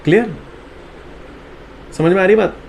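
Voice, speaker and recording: Unhurried, a man with a high, gravelly, darkish voice lectures an online physics class, teasing and coaxing students, checking comprehension again and again, and drilling chants. A faint hiss is audible under the recording.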